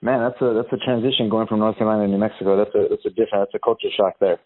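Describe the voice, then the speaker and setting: Low-voiced host on a tinny line. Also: male voice, fairly even intonation, rapid-fire. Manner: encouraging, short affirmations. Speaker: podcast host. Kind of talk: casual interview questions.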